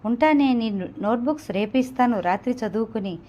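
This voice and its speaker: A frightened young woman student in an audio novel, as a woman narrator voices her, high and anxious. Her voice sits a little high with a soft, mellow tone, urgent and pleading. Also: lively intonation, fairly quick, muffled recording, natural voice. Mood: cheerful. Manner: pleading then fretful, raised over the rain.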